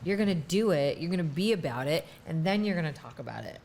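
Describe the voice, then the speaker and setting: A frank woman co-hosting a casual podcast chat. She talks in a slightly low voice and speaks bluntly and emphatically, with faint room noise behind her. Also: expressive, fast talker, a little mellow. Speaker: podcast co-host.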